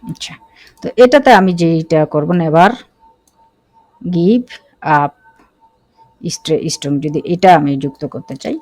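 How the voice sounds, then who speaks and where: A woman teaching a graphic design course, talking casually through a screen-recorded software tutorial with fillers and self-corrections. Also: deep voice, animated, measured pace, pauses often, no echo, studio quality.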